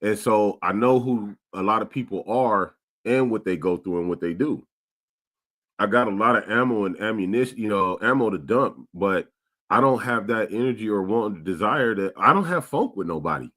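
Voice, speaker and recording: A streetwise podcast co-host in his forties from Stockton, California, tells street stories, repeats himself, and reads live chat comments aloud on a casual show. His voice is on the low side and fairly bright, expressive, at a moderate pace.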